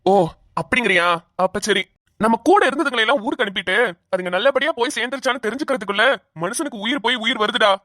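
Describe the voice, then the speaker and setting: A woman's voice: fairly high pitch, fast, a bit bright, dry recording, clean studio sound, lightly acted. A woman putting on the voices of worried middle-aged village men in a cartoon, with a southern Tamil village accent. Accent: southern Tamil village dialect. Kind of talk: cartoon voice acting.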